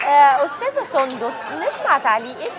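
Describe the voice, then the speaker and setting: A woman's voice: high voice, sing-song, quick pace. A woman playing an Egyptian TV news co-anchor who prompts reporters in a parody breaking-news broadcast. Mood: polite, prompting. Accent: Egyptian Arabic. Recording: distant, crowd noise behind.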